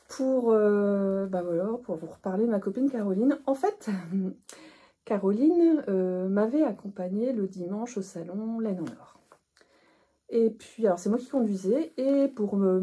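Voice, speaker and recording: Her mid-range voice is dark with a breathy edge. A middle-aged woman from northern France, she hosts a knitting podcast and chats casually to camera, frequently hesitating and restarting.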